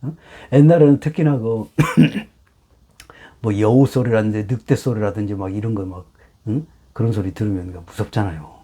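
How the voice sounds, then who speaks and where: A middle-aged man teaching hanja in a lecture, explaining slowly with many fillers and rhetorical questions. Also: lowish voice, warm tone, slightly rough.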